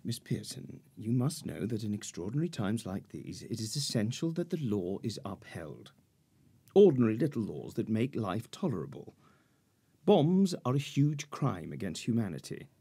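Pedantic wartime lawyer, husky, very animated, formal, period radio drama. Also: male voice, fairly low pitch, moderate pace, heavily acted. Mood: stern. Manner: formal, pompous, fussy about procedure. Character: pompous, pedantic male lawyer, middle-aged. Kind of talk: 1940s-set radio drama acting.

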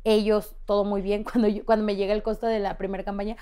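A woman's voice: mid-range voice, quick pace, smooth. A young woman with a Mexican accent, telling personal stories as a podcast guest and acting out the voices of people she quotes. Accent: Mexican Spanish. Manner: lively storyteller who acts out quoted voices. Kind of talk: casual storytelling interview.

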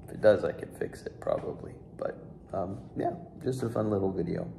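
A young man in his twenties, a flute restorer, talking casually to the camera about his work in a relaxed way with fillers. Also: low voice, a little fast, vocal fry. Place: sunroom with large windows, indoors. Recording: echoey room with faint background noise.

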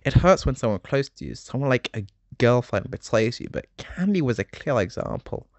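A young man in his late teens narrating a game summary video essay, chatty and full of joking asides with dark humor. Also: medium pitch, sing-song, normal speed, no echo.

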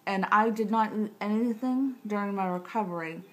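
With a medium pitch, moderate pace, and fairly bright tone, a woman in her thirties rambles matter-of-factly to the camera about surgery recovery tips, interrupting herself as she goes. Recent jaw surgery makes her speech tight-jawed. The low-quality recording was made indoors in a small living room on a camera mic about arm's length away, with clear background room noise.

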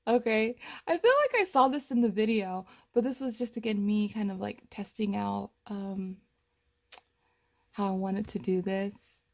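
A woman's voice: mid-range voice, a little slow, a little mellow. A young woman chatting casually through her cosplay progress photos, rambling and laughing, her voice cracking a little. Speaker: cosplay vlogger. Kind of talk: casual chat. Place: home, at her computer.

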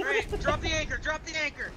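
A young player talking over voice chat in a game, excitable and quick to yelp or swear. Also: high voice. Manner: excitable, yelps and swears in alarm. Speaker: gamer in voice chat. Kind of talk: casual gaming banter.

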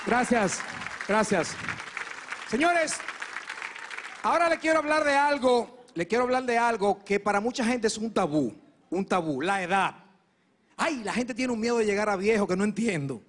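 Comedian, male, thirties, high and lively, stand-up delivery acting out the characters. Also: normal speed, pauses often, a crowd in the background. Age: 30s. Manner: lively joke-telling, acting out characters' lines.

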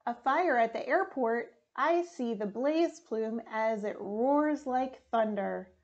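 A young adult woman, a firefighter, reads a children's picture book aloud in a high voice, going slowly and reading deliberately with plenty of expression. The recording, made in a small indoor room, sounds slightly dull and lo-fi.

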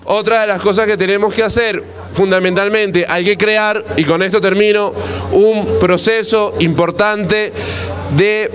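A man in his thirties with a Venezuelan accent, speaking in a high voice. He hammers his points with a forceful, repetitive rallying cadence. He speaks into a handheld mic held close, outdoors in a plaza. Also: steady tone, unhurried, a crowd in the background. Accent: Venezuelan Spanish. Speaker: activist speaking on street radio. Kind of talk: impassioned political speech. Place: outdoor plaza under a canopy. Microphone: handheld mic close to mouth.

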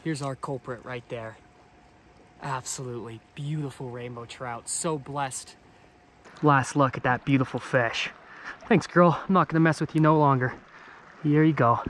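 A young man in a casual outdoor vlog, chatting excitedly to his viewers, calling them guys. His voice sits at an everyday middle pitch, caught on an action camera with a faint hiss of wind and open air behind him. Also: normal speed. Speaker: fishing vlogger. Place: riverbank outdoors, then inside a truck camper.

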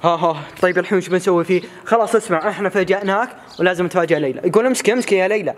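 A man giving rapid, playful, teasing commentary as he films his family. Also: sits high. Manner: rapid, playful, teasing narration with many calls and repeats. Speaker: family vlogger filming his child. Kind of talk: excited running commentary on a family video.

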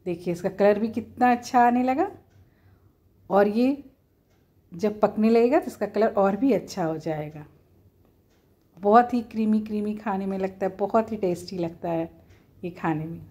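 A woman's voice: mid-range voice, mellow, husky. A woman at home, talking viewers through a cooking recipe step by step in a plain, homely, instructive way. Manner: homely, instructive, often says "dekhiye".

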